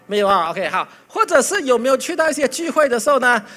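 A pastor giving a lively sermon full of acted stories, breaking into loud bursts. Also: high voice, fast. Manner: animated, loud bursts, mimics chanting.

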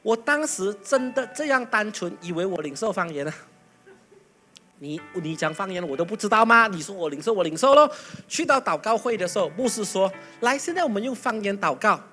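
A pastor giving a lively sermon full of acted stories, breaking into loud bursts. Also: mid-range voice, a little fast, faint music behind. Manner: animated, loud bursts, mimics chanting.

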